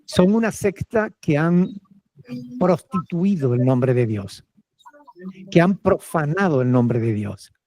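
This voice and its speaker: A man's voice: a little high, animated, takes it slowly, mellow. A male pastor with a Peruvian Spanish accent, patiently answering questions from church members and often checking with "ok?".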